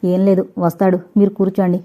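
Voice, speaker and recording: A woman voicing a reserved young husband who speaks quietly and with restraint. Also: medium pitch, monotone, quick pace, lightly acted. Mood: subdued. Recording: tinny, phone-like recording.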